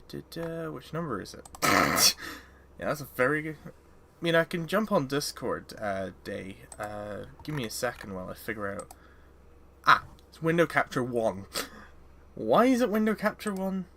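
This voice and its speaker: A woman's voice: deep voice, fairly bright tone. Giggly sleepy woman streaming. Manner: giggly, rambling, often breaks into laughter. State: sleepy, yawning. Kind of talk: casual live-stream chat.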